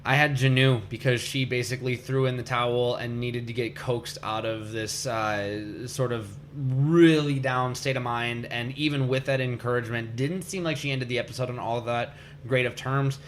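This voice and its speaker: Man, podcast co-host, opinionated, animated retelling, faint hiss behind. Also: mid-range voice, moderate pace. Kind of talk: casual recap chat.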